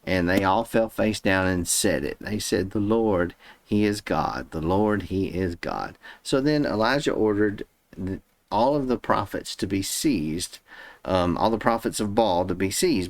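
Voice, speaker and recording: A man's voice: on the low side, expressive, moderate pace, no echo. A man hosting a daily Bible reading, retelling the stories in a casual, conversational way and paraphrasing loosely.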